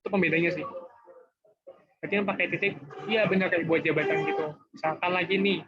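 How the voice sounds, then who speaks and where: A fairly high-pitched young man explains grammar rules to students in a loose, chatty way. His keeps the lesson relaxed. The sound is dull and lo-fi, as over a video call. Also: fast, husky. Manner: chatty, informal, often says guys and gitu. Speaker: tutor. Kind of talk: casual online class explanation. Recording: dull lo-fi online class audio.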